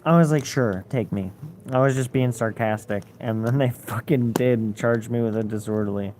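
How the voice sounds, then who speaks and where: A man's voice: mid-range voice, steady tone, a little fast, darkish tone, a little hiss or hum. A young man telling a rambling, profane story in a casual way, full of fillers.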